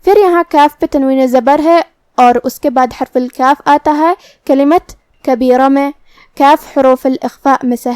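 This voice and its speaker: A woman teaching Quran recitation, explaining each letter methodically and then reciting the verses slowly. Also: high voice, a little mellow, no echo.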